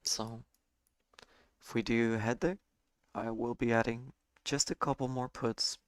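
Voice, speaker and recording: A man with a hoarse, failing voice giving halting live trading commentary as host of a stream. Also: mid-range voice, steady tone, no room sound. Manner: halting, with fillers and throat clearing. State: hoarse, losing his voice. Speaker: day trading livestream host.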